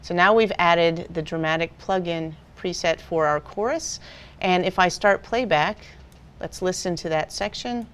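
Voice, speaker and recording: A woman with a lower-pitched voice walks through a software tutorial one step at a time. She explains patiently and plainly, like a teacher guiding a class. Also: unhurried, clear, resonant tone. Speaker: video editing instructor. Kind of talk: screen-recorded software tutorial.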